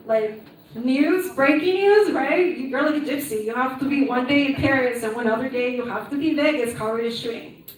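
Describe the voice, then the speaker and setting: A woman's voice: high-pitched, a little fast. A woman in her thirties from Peru, telling her personal story as a conference speaker in a chatty, upbeat way, often tagging on "right?". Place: conference hall. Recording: echoey hall, mic from a distance.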